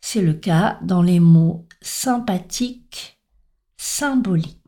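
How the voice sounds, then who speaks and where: A woman's voice: fairly low pitch, slow pace, warm tone. A woman teaching pronunciation in a careful spoken lesson, spelling out letters and stressing each example word.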